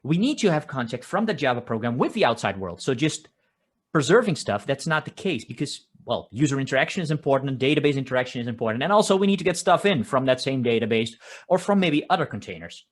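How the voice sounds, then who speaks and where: A Dutch-accented man from the Netherlands talks fast in a medium-pitched, animated voice. He gives a conversational technical conference talk from his home office, with construction noise outside, frequently restarting phrases and saying "uh."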